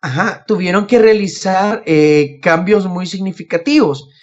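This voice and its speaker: Over a dull, lo-fi connection, a man hosting a casual podcast talks at a measured pace in a high voice with a Latin American Spanish accent. He explains topics by raising questions and then answering them himself.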